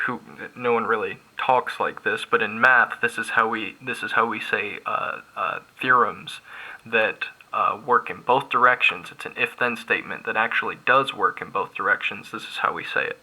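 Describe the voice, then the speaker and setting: Bright-voiced man teaching logic. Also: on the low side, rough recording. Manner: thinking aloud, restarts, filler-heavy. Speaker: math instructor. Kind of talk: recorded lecture at a board.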